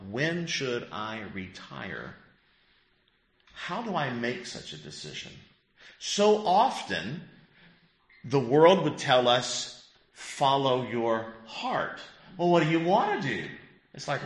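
Pastor, 50s male, lively and bright, conversational, echoey room. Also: fairly high pitch. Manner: conversational, asks the group questions, chuckles. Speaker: pastor teaching a class. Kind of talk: interactive Bible teaching.

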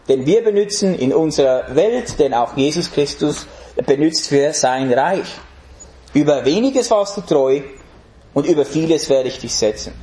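A man's voice: a little high, dark tone, roomy sound. A man preaching a sermon in an emphatic way, putting rhetorical questions to the congregation.

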